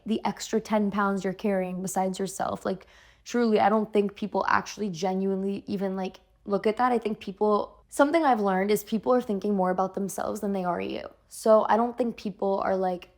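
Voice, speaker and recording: A woman's voice: medium pitch, creaky, darkish tone. A young woman telling a candid personal story on a podcast, chatty and casual, filling her speech with "like" and swearing freely. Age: young adult. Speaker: podcast guest.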